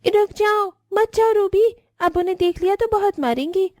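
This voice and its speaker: A woman's voice: extremely high pitch, normal speed, darkish tone, no echo, clean studio sound. A woman voicing a cautious young girl in a cartoon who urgently calls her friend back. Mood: alarmed. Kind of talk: Hindi cartoon voice acting.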